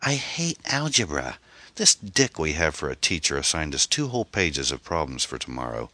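A man's voice: a bass voice, sing-song, normal speed, sharp tone, dry recording, full character voice. A man voicing a whiny, defiant teenage girl who sulks at her mother. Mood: sulky. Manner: whiny, sullen.

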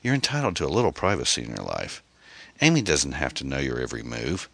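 A man voicing a gentle, supportive middle-aged woman who coaxes and reassures her anxious friend. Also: a bass voice, big pitch swings, fast talker, vocal fry, slightly rough, no room sound, full character voice. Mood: coaxing. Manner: coaxing, reassuring.

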